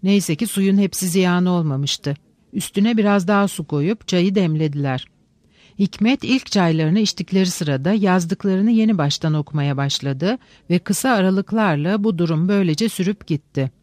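Measured literary narrator, dry sound. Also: medium pitch, darkish tone, no echo.

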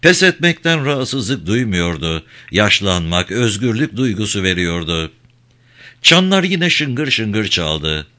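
A man reading a crime novel aloud as the narrator, in an expressive storytelling manner. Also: lowish voice, slow pace. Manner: expressive reading with voiced dialogue. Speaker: audiobook narrator. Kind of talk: scripted narration.

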